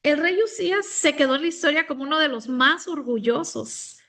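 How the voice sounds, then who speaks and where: A woman raised in the United States, giving a reflective Bible teaching talk with many pauses and fillers. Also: high-pitched, sharp tone. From United States, of Mexican descent. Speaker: women's ministry speaker.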